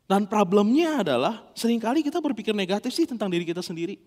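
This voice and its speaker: Pastor, high and very animated, playful sermon delivery, long church hall reverb. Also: male voice, fast. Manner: animated, playful, acts out dialogue. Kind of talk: lively sermon with humorous anecdotes.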